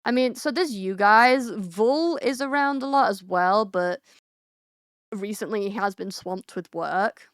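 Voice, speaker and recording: A woman's voice: mid-range voice, measured pace, clear, resonant tone, dry recording, clean studio sound. A woman streamer chatting casually with her viewers, rambling with lots of fillers and restarts.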